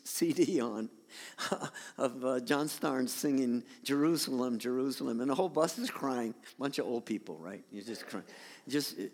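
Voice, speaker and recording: A man preaching a conversational sermon to his congregation, showing pictures on a screen and restarting his sentences often. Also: medium pitch. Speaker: pastor. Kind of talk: sermon with slides. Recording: long hall reverb.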